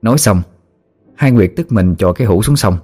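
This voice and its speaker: Một người đàn ông giọng miền Nam kể truyện ma dân gian như sách nói, giọng mộc mạc, sinh động. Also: male voice, on the low side, expressive, moderate pace, a little mellow, breathy edge, faint music behind. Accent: Southern Vietnamese. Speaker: storyteller. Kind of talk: audiobook narration.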